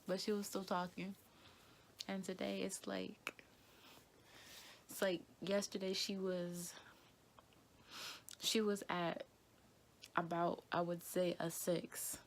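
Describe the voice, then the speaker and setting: Grieving young woman, low creaky voice. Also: level tone, slight background noise. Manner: halting, quiet and broken-up, repeating herself. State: tearful and grieving. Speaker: vlogger. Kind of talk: emotional personal vlog.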